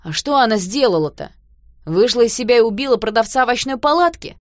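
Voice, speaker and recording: A woman voicing a young man, a wry husband who grows uneasy, cracking ironic jokes in a slightly lowered voice. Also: expressive, quick pace, dry recording, studio quality, natural voice. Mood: wry, alarmed.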